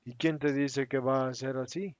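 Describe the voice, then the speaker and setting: A man voicing Jesus, a serene but stern adult teacher who speaks in a calm, grave, low voice. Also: unhurried, dry recording. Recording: dry, slightly dull recording.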